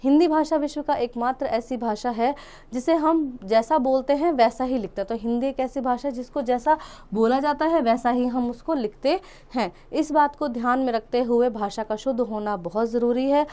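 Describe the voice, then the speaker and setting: A woman's voice: a little high, normal speed, dark tone. A woman teaching a grammar lesson to children, patiently repeating each word and checking in often.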